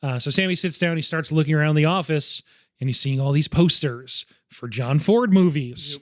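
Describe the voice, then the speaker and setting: A man's voice: a little high, moderate pace, dry recording, studio quality. A man co-hosting a podcast who is losing his voice, recounting a film scene and acting out its lines in a casual chat. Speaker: podcast co-host.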